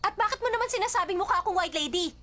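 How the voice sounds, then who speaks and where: A woman dubbing the part of a proud, sharp-tongued poor young woman in a drama. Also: mid-range voice, steady tone, brisk, slightly rough, natural voice. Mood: irritated. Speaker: dub actress. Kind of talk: Tagalog drama dub. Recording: dub with faint music underneath.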